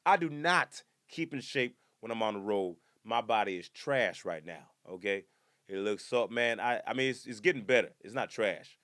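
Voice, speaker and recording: At a normal speed, a man in his twenties animatedly delivers a casual comedic monologue for a podcast, breaking into loud, high-pitched bursts as he plays other people. The recording is dry and clean, studio-grade.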